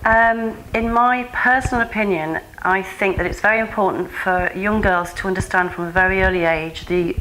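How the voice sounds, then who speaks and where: A woman's voice: medium pitch, fairly even intonation, normal speed, hardly any pauses, fairly bright tone, a little hiss or hum. A woman, a pageant contestant and nutrition coach, giving earnest, explanatory interview answers with frequent "um"s.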